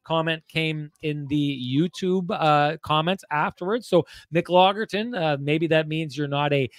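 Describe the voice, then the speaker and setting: A man's voice: on the high side, unhurried, no echo, studio quality. A man, hosting a casual sports podcast over a video call and reading sponsor spots. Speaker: podcast host. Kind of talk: casual sports chat with ad reads. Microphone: handheld mic on video call.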